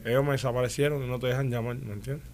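A man's voice: mid-range voice, very fast. Cuban man telling a story animatedly. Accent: Cuban Spanish. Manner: animated storytelling, frequent restarts and "¿me entiendes?". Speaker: interview guest. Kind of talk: casual interview conversation.

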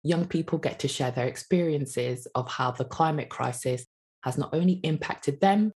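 Woman podcast host, really low voice, measured intro reading. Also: darkish tone.

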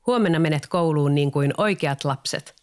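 A man's voice: a little high, clear, resonant tone, close to an everyday voice. A man voicing a kindly, proud old carpenter, close to his own voice. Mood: fond. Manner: warm, proud.

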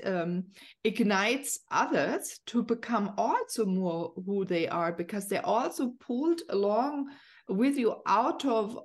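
Woman, podcast host, fry in the voice, gentle and searching spiritual talk. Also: medium pitch. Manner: gentle, searching phrasing with many fillers.

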